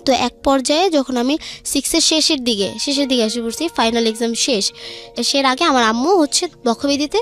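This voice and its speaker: This young woman has a high-pitched, somewhat bright voice, a Bangladeshi accent, and a fairly quick delivery, with music in the background. She's a guest sharing her own story, recounting the conversation turn by turn in a colloquial way.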